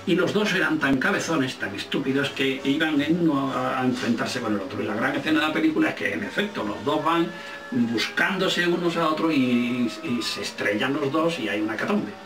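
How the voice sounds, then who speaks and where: An older man with an accent from Spain reminisces casually in an interview. His mid-pitched voice sounds distant in an echoing room, and he pauses to search for words, repeating some for emphasis. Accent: Spanish, from Spain. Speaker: film director being interviewed. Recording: roomy, distant microphone, faint music.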